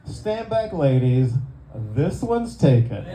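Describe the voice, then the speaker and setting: A man in his sixties doing a stand-up comedy set, self-deprecating and quick with punchlines, slipping into voices for his friends. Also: on the high side, very animated, background noise. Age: 60s. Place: club stage before a live audience. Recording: echoey room, faint crowd ambience.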